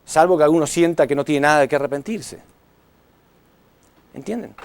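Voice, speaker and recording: A man preaching a sermon to a congregation, impassioned, swinging between loud appeals and hushed words, often asking the audience questions. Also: on the high side, normal speed, clear, resonant tone, dry recording. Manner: addresses audience with rhetorical questions.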